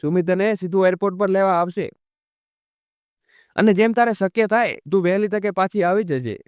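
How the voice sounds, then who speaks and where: Calm reassuring husband, read by a man. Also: sits high, normal speed, smooth, no echo, clean studio sound, natural voice. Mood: soothing. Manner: soothing, explaining tone.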